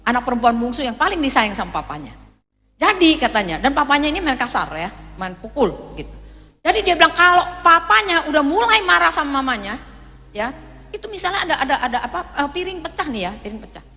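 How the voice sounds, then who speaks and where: Woman pastor preaching, high bright voice, lots of echo from the church hall. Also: quick pace. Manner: animated storytelling, acting out quoted voices, addressing the congregation. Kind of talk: sermon.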